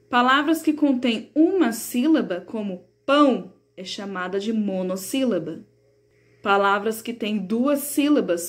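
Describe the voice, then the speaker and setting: A woman, teaching a third-grade class in a recorded remote lesson. She explains the textbook patiently and slows down to sound out example words. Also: medium pitch.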